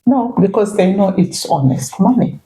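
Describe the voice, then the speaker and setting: Warm and expressive, this middle-aged Zambian woman's mid-range voice moves at normal speed as she chats thoughtfully in a relaxed interview. A native Bemba speaker with a Zambian accent, she keeps returning to her points with "you know." The recording has an echoey room sound.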